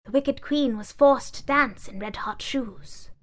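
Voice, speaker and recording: A woman voicing an old, wise book of fairy tales who speaks in a measured, solemn way. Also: high voice, pitched above the performer's own voice.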